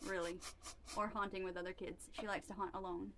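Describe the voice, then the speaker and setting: A woman's voice: medium pitch, level tone, sharp tone, a little hiss or hum. A woman chatting playfully with her co-hosts on a casual podcast. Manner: slow, playful banter.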